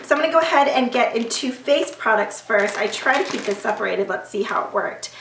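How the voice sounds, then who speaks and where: A woman's voice: on the high side, expressive, brisk, gravelly, fairly bright tone, slight background noise. Congested chatty woman beauty vlogger. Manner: chatty, rambling, lots of "like". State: congested from a sore throat. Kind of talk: casual chat to camera. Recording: roomy echo, mic at a distance.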